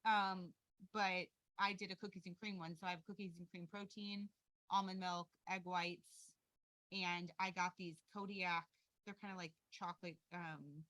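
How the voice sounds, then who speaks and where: A woman's voice: fairly low pitch, level tone, normal speed, a bit bright, no echo, low-quality recording. A woman coaching a wellness group, chatting casually and upbeat over a video call, with lots of fillers. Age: adult with a young daughter.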